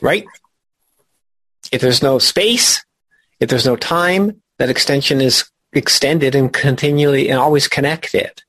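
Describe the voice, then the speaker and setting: A man leading a spiritual study group, teaching in a slow, reflective and emphatic way. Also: mid-range voice, fairly bright tone, no room sound.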